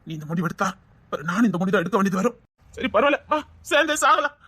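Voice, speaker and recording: A woman's voice: mid-range voice, sing-song, very fast, fairly bright tone, dry recording. A woman voicing a young woman who begs her friend to live, speaking with a Tirunelveli Tamil accent in a tearful, pleading way. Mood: begging.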